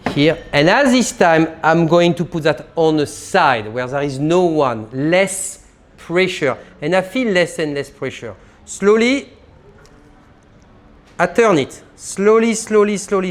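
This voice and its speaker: Sommelier teaching a tasting. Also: male voice, a little high. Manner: animated, explains while demonstrating. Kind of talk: live tasting class. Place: private tasting room.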